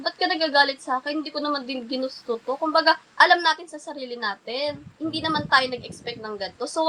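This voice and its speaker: A woman with a high, bright voice tells her story in an interview, speaking politely and a little haltingly. She keeps restarting her sentences and stays deferential to the interviewer. A faint hum of ambient noise sits behind her. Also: poor audio. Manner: polite and hesitant, keeps addressing the interviewer respectfully; halting, with many restarts and fillers. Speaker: interview guest.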